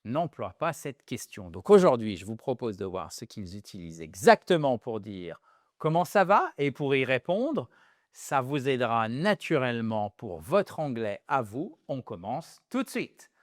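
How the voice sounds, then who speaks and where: A man teaching English to French speakers in a lively video lesson, a native French speaker who addresses viewers as dear friends and repeats English phrases slowly. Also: medium pitch, no echo, studio quality.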